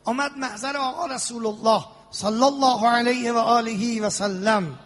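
A man preaching a sermon as a cleric, animated, with drawn-out invocations and sing-song passages. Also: very high-pitched. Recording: long hall reverb.

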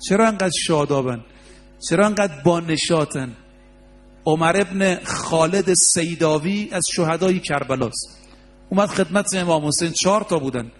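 A man's voice: on the high side, a little hiss or hum. A man preaching a religious sermon, telling stories with quoted dialogue and rising emphasis.

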